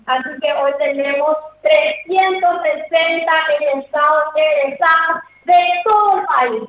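A high-pitched woman delivers a formal, emphatic ceremonial speech. She sounds distant from the microphone, her voice washing through a large echoing theater. The recording is muffled and dull. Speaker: vice minister giving a speech. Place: theater auditorium. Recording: echoey hall, far from mic, dull.

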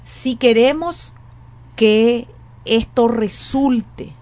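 Her voice is a little high with a darkish tone, and she speaks very slowly. An education academic in her late forties with a Paraguayan Spanish accent, she is a guest in a conversational interview, talking earnestly and restarting or repeating phrases as she thinks aloud.

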